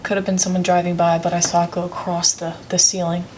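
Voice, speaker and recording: Lowish-voiced young woman, hushed chat. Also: completely flat delivery, quick pace. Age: 20s. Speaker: paranormal investigator. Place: indoors in a dark old mansion. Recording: low rumble, faint location noise.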